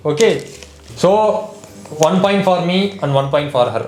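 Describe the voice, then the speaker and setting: A man with a Tamil accent, a native Tamil speaker, hosting a challenge in casual banter with halting, repetitive English mixed with Tamil. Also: on the high side, animated, background noise. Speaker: challenge video host. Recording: roomy echo, faint background music.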